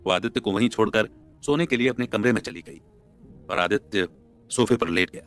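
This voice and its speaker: A man with a lowish, clean-toned voice and a slightly quick delivery narrates a scripted audio story as a storyteller. Background music runs underneath him as a music bed.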